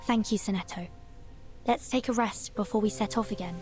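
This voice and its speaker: A woman voicing a steady, decisive game leader. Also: medium pitch, brisk, soft background music, close to an everyday voice. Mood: thoughtful. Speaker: game character. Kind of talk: game voice acting.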